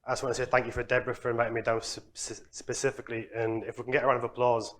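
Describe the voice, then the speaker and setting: A young man from Newcastle, giving a relaxed, chatty conference talk as a researcher. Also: medium pitch, rapid-fire, heavy background noise. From Newcastle, England. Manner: relaxed, chatty, self-deprecating. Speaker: exercise physiology researcher. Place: conference hall.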